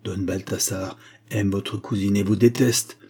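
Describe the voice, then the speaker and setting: A man voicing an excitable, loyal male dwarf servant who talks in a breathless, pleading way. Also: on the low side, measured pace, slightly rough. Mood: urgent.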